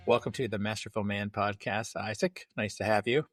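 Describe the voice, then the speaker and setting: A man's voice: fairly low pitch, fairly even intonation, brisk, music in the background. A man hosting an interview podcast, talking casually and conversationally with small restarts. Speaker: podcast host.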